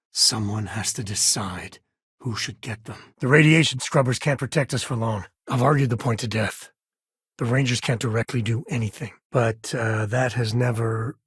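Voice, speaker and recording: In companion dialogue from a video game, a rugged, warm-hearted frontier ranger and devoted father speaks in a folksy, laid-back manner with dry wit, though his mood is grave. His mid-pitched voice carries a husky edge. The recording is very dry with no room sound.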